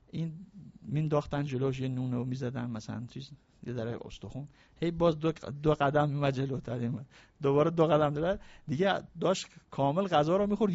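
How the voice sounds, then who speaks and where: Male poetry lecturer, animated storyteller, slows for verse; dry lo-fi recording. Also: on the high side, gravelly, no room sound. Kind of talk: informal lecture with recited verse and anecdotes.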